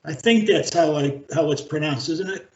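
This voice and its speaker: A man chairing a library board meeting over a video call, speaking in a halting, measured way with frequent fillers. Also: on the high side, creaky. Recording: roomy, dull video-call audio.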